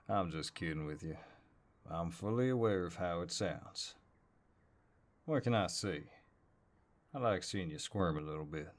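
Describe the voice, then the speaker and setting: In an intimate audio roleplay, a male actor voices a relaxed, playful cowboy neighbor with a very low, deep voice and an unhurried American Southern drawl. His mood is flirtatious and playful as he teases gently in a folksy manner.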